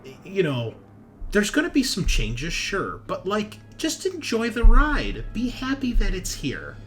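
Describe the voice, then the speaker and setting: The host and game master of a tabletop RPG show speaks in a high-sitting, fairly bright voice whose pitch swoops wildly, though his pace stays measured. He rants bluntly and casually, cursing and driving points home with "right?" and "okay?", as faint music plays behind him.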